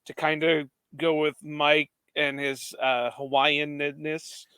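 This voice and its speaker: Smooth-voiced chatty man, dry close sound. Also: fairly high pitch, little pitch movement, slow pace, sharp tone, no room sound. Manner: friendly, rambling, many "you know"s. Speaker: podcast co-host. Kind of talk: casual sports podcast chat.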